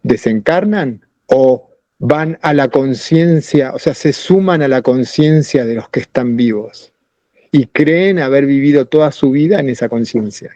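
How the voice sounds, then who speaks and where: A man's voice: medium pitch, unhurried, mellow, dry recording, highs cut off. A man with a Rioplatense Spanish accent talking casually on a podcast, rambling through ideas with many restarts. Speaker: podcast co-host.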